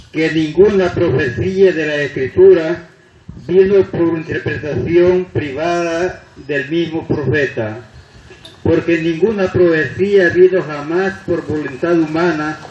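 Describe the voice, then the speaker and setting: Male reader, unhurried scripture reading, slightly raised pitch. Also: lo-fi sound. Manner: slow, measured reading.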